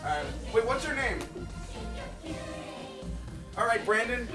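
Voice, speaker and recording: A man's voice: extremely high pitch, animated, takes it slowly. A young man joining a casual commentary, rambling, joking and hesitating with lots of fillers. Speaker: guest commentator. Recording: roomy, far from the mic, music behind.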